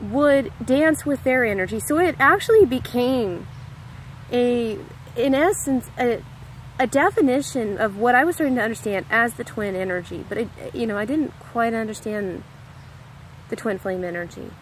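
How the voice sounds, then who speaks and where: A woman's voice: a little high, moderate pace, slight background noise, rough recording. An American woman in her thirties giving a casual spiritual monologue to camera, rambling into tangents and correcting herself as she goes. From United States. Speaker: spiritual vlogger.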